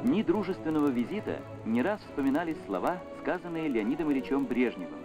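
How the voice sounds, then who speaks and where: A man's voice: medium pitch, very animated, quick pace. Old newsreel voice-over, man, official declamatory tone, widely swinging intonation, music underneath. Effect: old 1970s newsreel soundtrack. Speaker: newsreel narrator. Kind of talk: 1970s Soviet newsreel narration.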